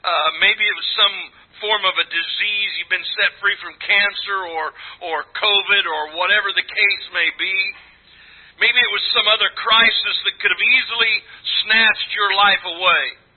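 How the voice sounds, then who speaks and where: A man in his sixties preaching a sermon to a congregation, earnest and emphatic, with a husky, rough-edged voice. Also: sits high, fairly even intonation, moderate pace. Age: 60s. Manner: earnest, emphatic, exhorting with repeated phrases. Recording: thin, phone-like band-limited sound.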